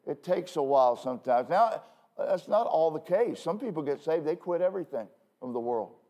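A male pastor preaching a sermon from the pulpit in a conversational way, full of self-deprecating asides and quick "okay?" checks with the congregation. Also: fairly high pitch, animated, warm tone. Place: church pulpit.

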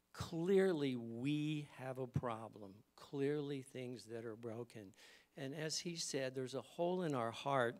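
Conversational man giving a church sermon. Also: mid-range voice. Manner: conversational, illustrative storytelling. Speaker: guest speaker. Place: church service.

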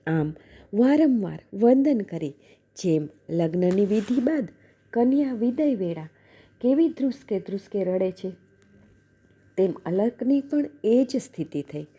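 A woman gives a slow, measured devotional reading, her voice very dark and mellow. A breathy softness sits in her tone as she moves from narration into gently chanted verses. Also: mid-range voice, animated. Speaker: devotional reader.

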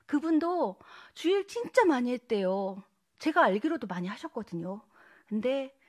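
A woman evangelist giving an emotional testimony sermon, speaking earnestly and sometimes dropping to a soft whisper. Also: on the high side.

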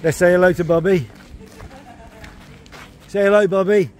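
A man casually narrating his travel vlog while walking at night, relaxed and rambling. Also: high voice, moderate pace, a faint crowd. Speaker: vlogger. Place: outdoors at night on city streets. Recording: noisy street recording. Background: street traffic noise.

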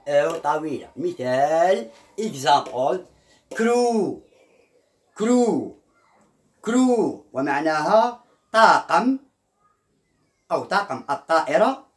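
A man with a fairly high voice, teaching pronunciation in a patient step-by-step way. His pitch swings widely. It leaps up on each drawn-out example word and drops low as he explains. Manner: repeats each example word several times, drawing out the sounds. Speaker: English teacher. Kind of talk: slow explanatory language lesson.

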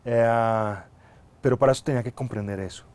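A middle-aged man, an actor being interviewed on a TV studio set, answering in a reflective, measured and earnest way on a lapel mic. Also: mid-range voice, steady tone, a little mellow, a little hiss or hum. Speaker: actor guest. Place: TV studio set, seated in armchair.

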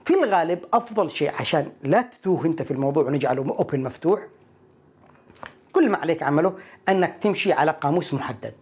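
Man, English teacher, pronunciation lesson, husky, fast talker, repeats words to model them. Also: a little high, expressive, darkish tone. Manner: explains, repeats each word slowly.

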